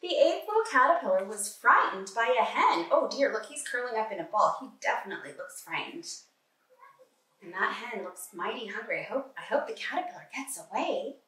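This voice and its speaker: Recorded from a distance in an echoey home kitchen, a middle-aged woman sits at the table reading a picture book to preschoolers. She speaks a little fast in a high-leaning voice, exclaiming, gasping, and cheerfully quizzing the children.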